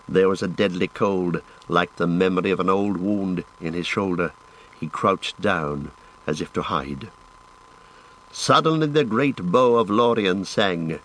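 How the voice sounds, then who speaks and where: A man narrating an audiobook in a measured, dramatic way. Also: fairly low pitch, fairly bright tone, low-quality recording. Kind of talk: scripted narration.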